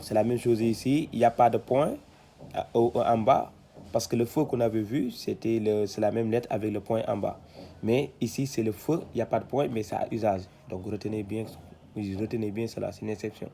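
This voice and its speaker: A man teaching Quran reading, sounding out syllables loudly one by one, then explaining calmly with many hesitations. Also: lowish voice, creaky, slight background noise. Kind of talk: slow syllable-by-syllable reading lesson.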